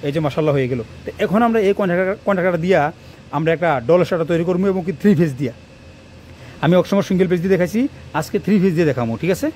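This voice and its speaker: A man, an electrician talking quickly and repetitively through a hands-on wiring tutorial, recorded on a phone in a workshop. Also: high-pitched, dark tone, slight background noise. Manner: fast, rambling, repeats himself while working. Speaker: electrician teaching wiring on his channel. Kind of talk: hands-on tutorial talk to camera. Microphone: phone camera propped nearby.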